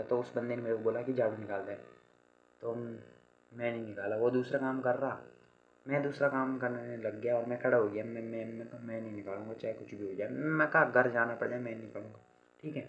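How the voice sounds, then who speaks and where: A man's voice: medium pitch, muffled recording. A young man telling a story in a casual vlog, chatty, calling listeners "bhai" and acting out what others said. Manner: chatty, repeats "bhai" and "theek hai", quotes others in dialogue. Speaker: vlogger.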